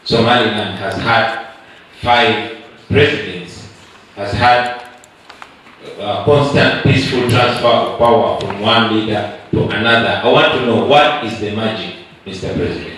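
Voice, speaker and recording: A man's voice: fairly low pitch, unhurried, fairly bright tone, slight background noise. A man with a Ugandan accent, politely building up a question from the audience at a conference. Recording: echoey hall, distant mic.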